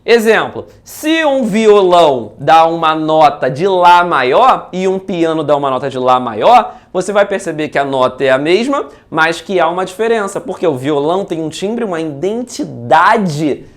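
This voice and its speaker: Here a physics teacher with a Brazilian accent goes through exam questions in a video lesson, his voice on the high side. He talks at a normal speed with hardly any pauses, in a lively, conversational manner, regularly asking whether students follow.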